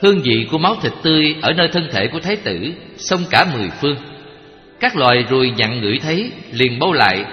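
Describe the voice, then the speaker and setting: A man's voice: medium pitch, sing-song, fast talker, lo-fi sound. Solemn man reading a Buddhist story. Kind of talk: recited scripture story. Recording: echoey hall with faint music.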